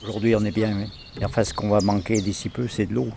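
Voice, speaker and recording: A man speaking reflectively as a rural resident, trailing off softly. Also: fairly low pitch, level tone, quick pace, vocal fry, a little hiss or hum. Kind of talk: casual chat.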